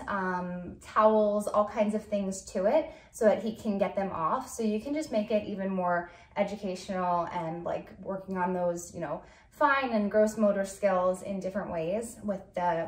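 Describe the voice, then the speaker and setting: A young woman giving a casual product review and demo in her living room, chatty, with lots of ums and likes. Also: medium pitch. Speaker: parenting vlogger. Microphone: far camera. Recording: roomy sound from a distant camera mic.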